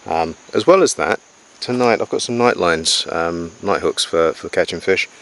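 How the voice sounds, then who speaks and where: Beside a jungle river, a man keeps a casual survival diary, explaining things to camera in an unscripted, methodical, matter-of-fact way. His low voice is fairly bright and moves at normal speed, with crickets, insects, and jungle ambience in the background.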